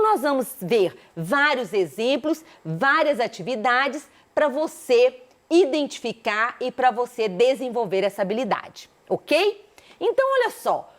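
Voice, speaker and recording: Lively Brazilian woman teacher. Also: sits high. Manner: animated, asks students many rhetorical questions. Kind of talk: recorded school lesson.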